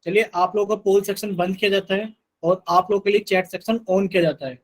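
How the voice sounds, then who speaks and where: A man's voice: high-pitched, fairly even intonation, fairly quick, low-quality recording. A man teaching a live online math class, patiently repeating instructions to his students.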